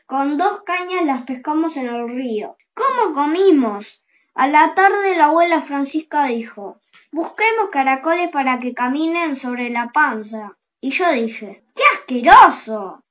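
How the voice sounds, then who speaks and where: A reader telling a children's story aloud, with gentle and unhurried storytelling. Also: sits high, highs cut off. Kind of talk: slow storybook reading aloud.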